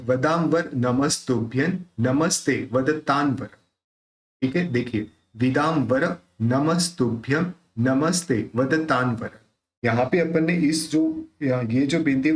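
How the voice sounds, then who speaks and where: A man teaching the pronunciation of a devotional hymn, reciting verses slowly and then explaining the rules in a conversational way. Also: medium pitch, reverberant.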